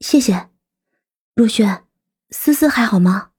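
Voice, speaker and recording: A man voicing a gentle young woman torn between two men, in a high falsetto for an audiobook. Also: animated, slow pace, slightly rough, no echo, clean studio sound, exaggerated voice. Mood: polite. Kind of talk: audiobook character voice.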